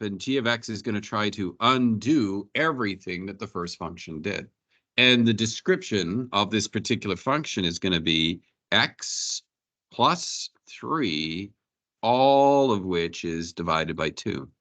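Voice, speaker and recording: A man's voice: fairly low pitch, a bit bright. A male math teacher lecturing a class, questioning students and walking them through each step.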